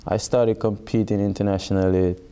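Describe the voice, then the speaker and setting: A man's voice: on the low side, level tone, fairly quick, dark tone, a little hiss or hum. A young man in his twenties with a Jamaican accent, an athlete chatting in an interview, peppering his explanations with "like". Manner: explains with frequent "like" as filler. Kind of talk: casual interview talk.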